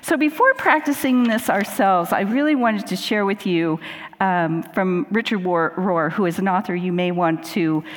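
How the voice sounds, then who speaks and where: A woman leading a mindfulness talk, easygoing and conversational, often pausing to correct herself mid-phrase. Her mid-range voice carries a long reverb, as if she is speaking in a large hall. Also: medium pitch, a little hiss or hum. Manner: conversational, thinks aloud with fillers and self-corrections. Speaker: leader of a mindfulness talk series. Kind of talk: casual spiritual talk to a group.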